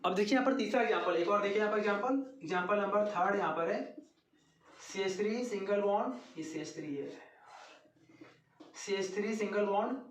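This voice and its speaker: A man teaching a chemistry lesson to a class. He repeats formulas slowly and keeps asking the class questions, then answers them himself. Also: high voice. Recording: echoey room.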